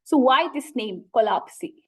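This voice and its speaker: High-pitched Indian woman hosting a talk show. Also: expressive, normal speed, husky. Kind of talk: podcast interview.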